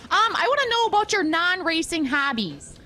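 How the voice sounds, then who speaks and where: A woman's voice: extremely high pitch, big pitch swings, normal speed, bright, forceful tone. An American woman with a bubbly, informal manner, doing a casual interview as a reporter outdoors, breathing in cold air. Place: outdoors in the cold at a frozen lake. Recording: outdoor generator hum and noise. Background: generator running.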